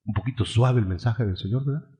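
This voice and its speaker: A male preacher giving a lively, humorous sermon and acting out the quotes he tells. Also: on the low side, fast. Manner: animated, humorous, acts out quotes.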